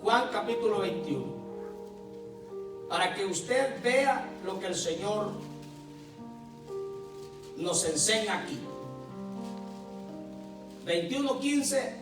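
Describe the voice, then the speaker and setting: A man preaching a sermon, pausing for effect and acting out quotes in his own voice. He stands well back from the microphone in a roomy, echoing church hall, and music plays underneath. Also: sits high, animated, distant mic. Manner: preaching with dramatic pauses and acted quotes. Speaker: pastor. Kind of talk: Spanish-language sermon. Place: church sanctuary.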